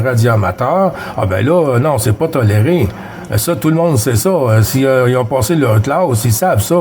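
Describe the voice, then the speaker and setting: This CB radio operator is a middle-aged man from Quebec whose speech carries a Québécois French accent. His voice is mid-range with a darkish tone, and his casual chatter wanders, packed with fillers and false starts.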